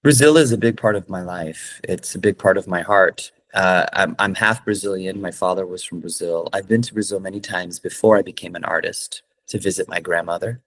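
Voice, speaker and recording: A singer-songwriter from California answers interview questions earnestly in a low-pitched voice. He talks a little fast with hardly any pauses, using many fillers and restarts.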